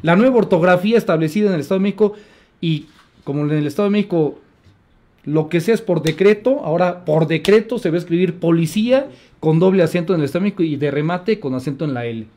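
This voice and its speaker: A man's voice: a little high, fast, a little mellow. A man with a Mexican accent, giving sarcastic, indignant opinion commentary as a radio host.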